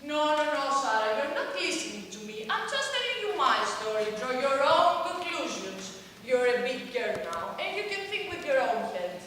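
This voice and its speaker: A woman acting on an amateur stage as a frank, wise old grandmother who speaks calmly, recorded from far off in an echoey hall. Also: sits high, moderate pace, a little hiss or hum. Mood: knowing.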